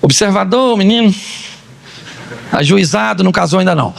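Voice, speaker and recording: Gravelly, high-voiced joking preacher. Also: male voice, moderate pace, noisy background. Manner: animated, joking storytelling with acted-out quotes. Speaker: pastor. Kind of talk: humorous sermon.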